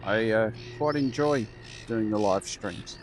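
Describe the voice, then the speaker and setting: Low-voiced Australian man livestreaming casually. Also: slow, slight background noise, poor audio. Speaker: livestream host. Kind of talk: casual plane-spotting livestream commentary.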